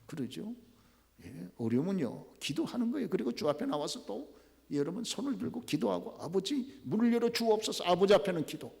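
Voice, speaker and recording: A male pastor preaching a sermon, dropping to soft asides, then shouting loud commands. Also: sits high, big pitch swings, fairly quick, gravelly. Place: church sanctuary. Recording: reverberant church hall.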